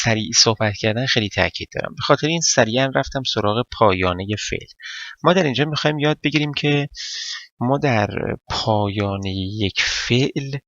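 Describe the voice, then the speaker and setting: A man's voice: mid-range voice, a bit bright, no echo. A man whose first language is Persian teaches a casual spoken lesson. He explains step by step, quizzes his viewers and thinks aloud while he writes. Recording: dry, slightly dull recording.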